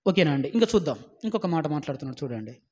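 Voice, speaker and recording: A man with a high voice delivers an emphatic sermon. He scolds his listeners and keeps firing rhetorical questions at them. He swings from loud exhortation down to low, quiet warnings. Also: big pitch swings, rapid-fire, highs cut off. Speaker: preacher.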